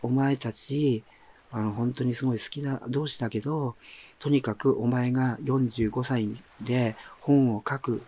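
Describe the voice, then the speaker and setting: A man's voice: medium pitch, fairly even intonation, a little slow, dark tone, lightly acted. A man quoting the words of a brusque, bossy middle-aged mother in a blunt, scolding way, as part of his own story. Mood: firm. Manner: blunt, scolding, calls people "you".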